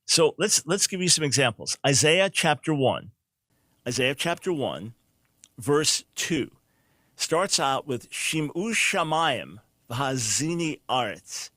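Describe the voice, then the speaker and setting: A man's voice: fairly high pitch, big pitch swings, slow, fairly bright tone, no room sound. An older man hosting a call-in talk show, explaining Bible translation in an emphatic, teaching way and often repeating a word as he restarts a phrase.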